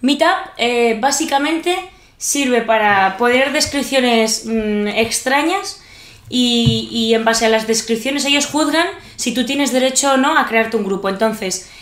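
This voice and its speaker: Young female co-host, higher pitch, deadpan dry humor, echoey studio. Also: a little slow. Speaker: co-host, publisher. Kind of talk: casual live-stream chat. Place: small studio set with brick wall. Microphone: desk microphone.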